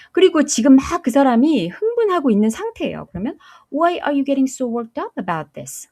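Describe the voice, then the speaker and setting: A woman teaching English phrases in a relaxed, conversational way. Her pitch moves around a lot as she explains. She fills gaps with small hesitations and slows down carefully whenever she gives an example. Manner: chatty, with many fillers, slowing to spell out English examples. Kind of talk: casual explanatory lesson.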